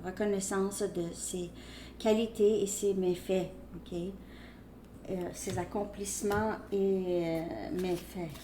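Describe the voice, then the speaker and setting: A woman with a Québécois French accent giving a tarot reading, talking slowly and hesitantly with many fillers and restarts. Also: mid-range voice, fairly even intonation, noisy background. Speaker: tarot reader.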